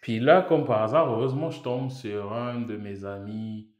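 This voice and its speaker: A man's voice: mid-range voice, normal speed, reverberant, highs cut off. A man from Congo, a podcast co-host, telling stories in casual chat and acting out the people he quotes. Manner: animated, acts out quoted voices.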